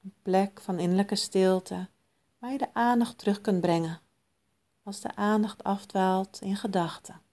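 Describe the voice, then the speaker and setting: A woman guiding a mindfulness meditation in a soft, calm, soothing manner with long pauses. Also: mid-range voice. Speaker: meditation guide.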